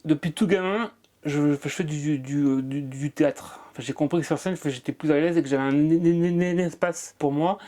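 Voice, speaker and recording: Being interviewed, a comedian from Marseille, France stutters strongly and repeats sounds again and again. He speaks at a moderate pace in a mellow, somewhat high voice.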